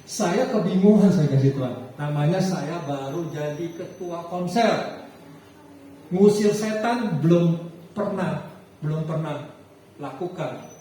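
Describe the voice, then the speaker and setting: A man preaching a sermon as a pastor, telling a personal story in an animated way with frequent halting restarts. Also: a little high. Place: church hall. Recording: echoey hall, distant mic, faint noise.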